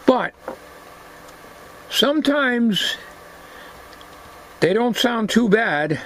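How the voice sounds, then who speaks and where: A very high, animated, slightly bright voice belongs to this older man, at least in his sixties, who restores radios for fun. He talks casually and haltingly while working in his cluttered indoor electronics workshop, plainly musing, and the recording picks up a lot of noise.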